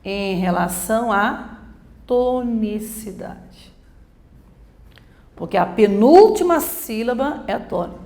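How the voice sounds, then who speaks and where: A woman's voice: mid-range voice, animated, slow, long pauses, warm tone, echoey room. A woman teacher, teaching a grammar lesson for exam prep, explaining step by step and asking and answering her own questions.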